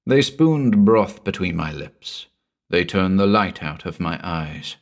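A man with a very low, gravelly voice tells a horror story in the first person. His reading is slow and measured, with a brooding weight to every line. Low voice with a rough grain throughout. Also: lively intonation. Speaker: audiobook narrator. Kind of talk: scripted horror story narration.

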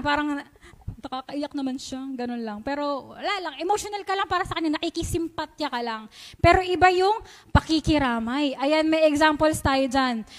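A woman's voice: sits high, sharp tone. A woman with a Filipino accent giving a sermon in a conversational way, often asking the congregation questions and mixing English into her talk. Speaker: preacher. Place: church sanctuary.

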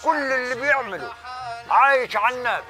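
An actor playing a hospitable, earnest older village patriarch, emphatic, with an Upper Egyptian accent. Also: male voice, extremely high pitch, fast. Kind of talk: Egyptian television drama acting. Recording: loud music behind the voice. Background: music.

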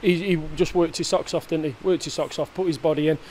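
A man's voice: a little high, steady tone, fast talker, a little mellow, a little hiss or hum. A man, a football manager giving a post-match interview in a hesitant way, full of fillers and restarts, recorded close up indoors. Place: indoor press area before a sponsor board.

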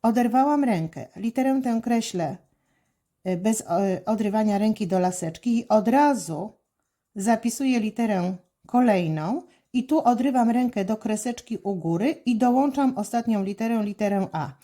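A woman teaching children handwriting, explaining each stroke slowly and calmly, with frequent hesitation fillers. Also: fairly high pitch. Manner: calm, deliberate, many "e" fillers. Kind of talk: slow step-by-step instruction.

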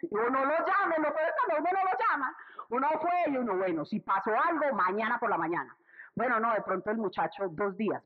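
Colombian woman, retreat speaker, animated testimonial storytelling; muffled, lo-fi recording. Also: sits high. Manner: storytelling, acts out her own inner voice and others' lines. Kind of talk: testimonial sermon talk.

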